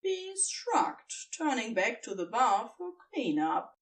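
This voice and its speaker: Dramatic, emphatic pauses mark this very slow, expressive fiction audiobook reading by a woman with a fairly high-pitched voice, recorded a little distant from the mic.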